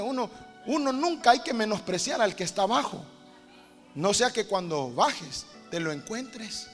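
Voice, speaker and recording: High-voiced emphatic male preacher. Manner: emphatic, keeps addressing listeners as brother. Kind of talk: sermon. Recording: reverberant hall with faint music.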